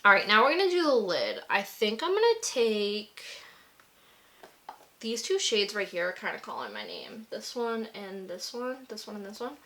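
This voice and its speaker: A young woman beauty vlogger chats casually as she does her makeup, gushing and scattering "like" all through her talk. Her medium-pitched voice is very animated and a bit bright, moving at a moderate pace.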